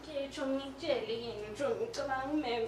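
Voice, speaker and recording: A young woman playing an excitable, pleading teenage schoolgirl. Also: high-pitched, normal speed, lightly acted. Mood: excited. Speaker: student character in a comedy skit. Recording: echoey, noisy room from a distance.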